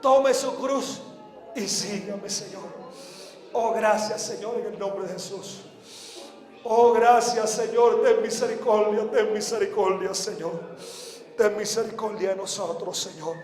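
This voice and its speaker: A high-pitched man preaches with fervor, leading a congregation in repetitive prayer and swinging from hushed tones to full shouts. His voice rings through a large church hall with a long, echoing reverb. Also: steady tone, slow pace. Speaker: evangelist. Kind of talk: sermon and altar prayer.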